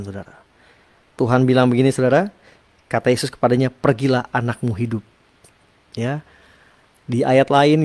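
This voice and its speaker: A man's voice: mid-range voice, a little mellow. A male preacher who reads scripture and preaches earnestly, often turning to address his listeners directly. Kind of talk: sermon with scripture reading.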